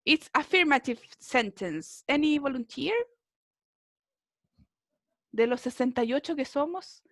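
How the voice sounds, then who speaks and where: A woman's voice: high-pitched, expressive, takes it slowly, a bit bright, dry recording, clean studio sound. A woman teaching a beginner English class over a video call, encouraging and often checking in with her students.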